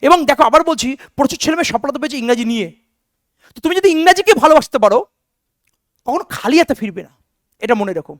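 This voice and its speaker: A man's voice: extremely high pitch, animated, fast talker, long pauses, no room sound, clean studio sound. A man teaching an online exam-prep lesson, drilling answers with repeated questions and calling his students "বেটা".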